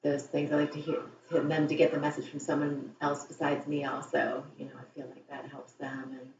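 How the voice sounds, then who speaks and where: A woman's voice: deep voice, completely flat delivery, brisk, background noise. A woman interviewee gives candid, reflective answers that wander a little. Her voice is heard re-recorded through a TV speaker. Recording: echoey, dull, distant TV re-recording.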